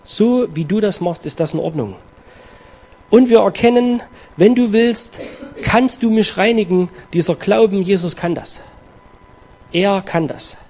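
A man preaching a sermon, reading scripture aloud and explaining it with earnest emphasis and dramatic pauses. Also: high voice, a little mellow.

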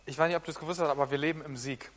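A man preaching a sermon in a chatty way, often turning to listeners with quick questions and moving between soft asides and loud, emphatic bursts. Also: fairly high pitch, fairly even intonation. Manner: conversational, often asks listeners "weißt du?" and "ne?". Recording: long hall reverb.

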